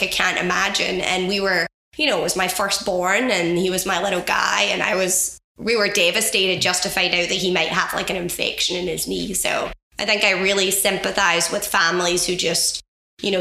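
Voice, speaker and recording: A Scottish woman in her forties talks earnestly and at length as an interview guest, her voice slightly affected by a cold. Her tone is bright and forward. The office around her adds noticeable room echo. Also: lowish voice. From west coast of Scotland. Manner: earnest, talkative storyteller. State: has a cold. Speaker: guest, charity founder. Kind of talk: conversational interview. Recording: roomy office recording.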